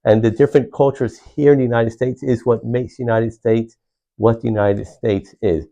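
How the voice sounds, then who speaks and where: A middle-aged county commissioner from Puerto Rico answers interview questions earnestly at normal speed, his medium-pitched voice steady and warm with vocal fry. Lots of "uh"s mark his restarts and repeated words, and the recording is lo-fi.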